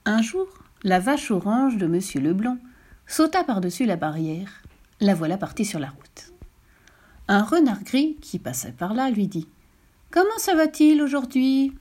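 Expressive woman reading a children's story. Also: mid-range voice, a little slow, husky. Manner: gentle, expressive, lively.

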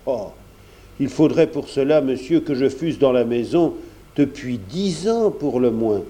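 A man's voice: medium pitch, expressive, a little slow, dark tone, natural voice. A man reading aloud and voicing a humble young café waiter, hesitant and modest.

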